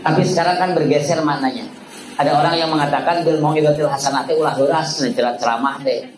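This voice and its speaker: A man preaching with a Sundanese accent in a casual sermon, swinging his pitch high and low for effect and slipping into dialect. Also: steady tone, a little fast. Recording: live talk with ambient noise.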